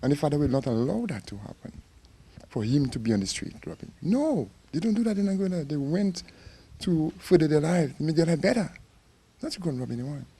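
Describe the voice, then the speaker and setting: A man's voice: fairly high pitch, lively intonation, brisk, gravelly, mellow, breathy edge. A middle-aged man, speaking with passion and repetition in a news interview. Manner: impassioned, repetitive. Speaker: interviewee, victim's uncle.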